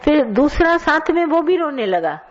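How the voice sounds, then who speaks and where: A woman's voice: sits high, very animated, unhurried, lo-fi sound. A woman giving a colloquial spiritual sermon, scolding and telling stories to her listeners. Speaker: spiritual teacher. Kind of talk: satsang sermon.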